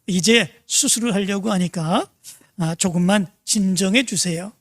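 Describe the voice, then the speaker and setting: A speaker in a devotional talk voicing a surgeon who apologizes and calmly asks for patience. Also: medium pitch, measured pace, dry recording, pitched below the performer's own voice, close to an everyday voice. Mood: apologetic. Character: calm, hurried surgeon.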